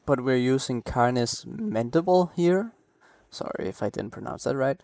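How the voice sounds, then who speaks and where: Man, late-night game build walkthrough, rambling, apologetic, coughing, mid pitch, dry close mic. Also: expressive, moderate pace, vocal fry, a little mellow, no echo. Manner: apologetic, rambling, many restarts. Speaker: gameplay guide creator.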